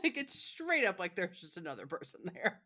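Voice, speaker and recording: A woman from Michigan hosting a podcast in casual chat, talkative and quick to laugh, with plenty of fillers. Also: lowish voice, very animated, pushed and bright. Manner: chatty, laughs often, many fillers. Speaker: podcast host.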